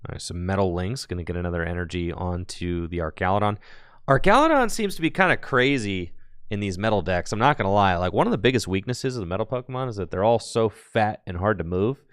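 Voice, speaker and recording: A man's voice: fairly low pitch, lively intonation, quick pace, clean tone, dry recording, studio quality. A man giving casual play-by-play commentary on a card game tournament, chatty and thinking aloud as he goes.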